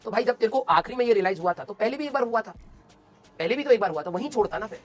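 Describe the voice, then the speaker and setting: Guy teacher pepping up exam kids, talks fast, bit bossy but kind, soft music under it. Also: high voice, animated. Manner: blunt, scolding yet encouraging, asks "clear?". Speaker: coaching teacher. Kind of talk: motivational class talk.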